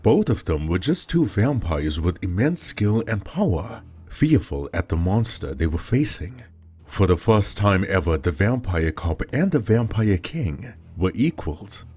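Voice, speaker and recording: A man narrating a scripted horror story as storyteller, with dramatic, expressive delivery. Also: fairly low pitch, measured pace, slightly rough.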